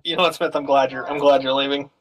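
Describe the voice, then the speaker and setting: A man's voice: medium pitch, fairly even intonation, fast, poor audio. A man teasing his squadmates and laughing through casual voice chat while gaming.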